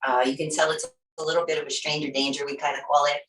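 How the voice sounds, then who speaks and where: A woman fostering a rescue dog, chatting casually with lots of ums and warmth, on a video call. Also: deep voice, little pitch movement. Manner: halting, many fillers, affectionate. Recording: roomy and distant video call.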